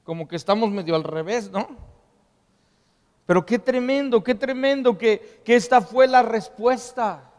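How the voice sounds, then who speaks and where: High-voiced preacher in a reverberant hall. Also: male voice. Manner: call-and-response preaching, asks congregation to repeat. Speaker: pastor. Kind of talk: sermon. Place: church hall. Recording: long reverb in a church hall.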